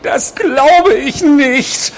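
A man voicing a soft-spoken, obsessive male psychiatric patient, quiet and insistent, while reading from his novel. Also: on the high side, sing-song, a little slow, slight background noise, voice pushed up. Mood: agitated.

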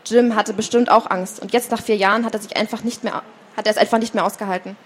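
A woman voicing a frantic, shrill woman at a live reading of a novel, her lines louder than the narration. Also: steady tone, fast, husky, close to an everyday voice. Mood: angry. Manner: panicked, pleading, then screaming. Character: frantic dark-haired woman, shrill and commanding. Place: book fair stand, indoors.

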